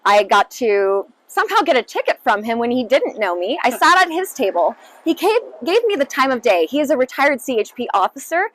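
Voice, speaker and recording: A woman's voice: high-pitched, a bit bright, low-quality recording. A woman in her late twenties, a council candidate, answering interview questions in an upbeat, earnest way with many fillers. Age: 20s. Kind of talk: sit-down news interview.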